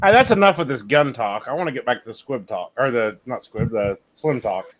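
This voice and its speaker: A man's voice: mid-range voice, lively intonation, brisk, a bit bright. A man teasing and joking with friends during a casual livestream group call. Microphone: video call.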